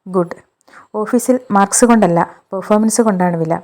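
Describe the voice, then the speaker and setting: A woman's voice: medium pitch, normal speed, dark tone, lightly acted. A woman voicing a stern 32-year-old male company boss who speaks in curt, clipped commands.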